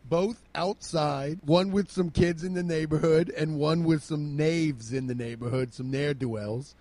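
A man's voice: fairly high pitch, measured pace, darkish tone, no room sound. A man co-hosting a comedy podcast and telling absurd, rambling stories in improvised banter. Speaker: podcast co-host.

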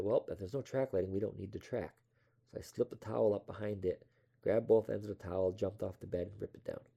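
Gravelly deep-voiced man telling a story. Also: mellow. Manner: rambling, offhand and self-deprecating, swears casually. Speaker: storyteller recounting his past. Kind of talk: casual spoken storytelling.

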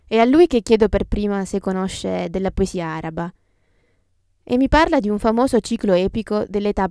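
A woman's voice: mid-range voice, darkish tone, smooth, no room sound, clean studio sound. A woman podcast host reading scripted travel narration in a reflective, descriptive storytelling way. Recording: music behind the voice. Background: guitar music.

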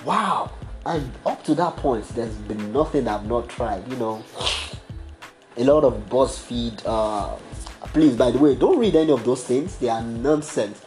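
A man's voice: medium pitch, lively intonation, measured pace, a little mellow, soft background music. A young man sharing a personal faith testimony in casual, slangy talk full of fillers and restarts. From abroad, studied as international student. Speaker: podcast guest sharing testimony.

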